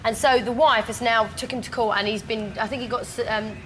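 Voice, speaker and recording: A woman's voice: a little high, steady tone, brisk, fairly bright tone, a little hiss or hum. An English woman co-presenting on TV in casual, chatty banter.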